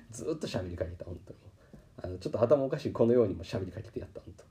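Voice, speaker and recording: A man with a Kansai accent hosting a podcast, telling a story in a casual, animated way and acting out the people he quotes. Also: on the low side, fast. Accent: Kansai Japanese. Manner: animated, acts out quoted voices. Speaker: podcast host. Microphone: podcast microphone.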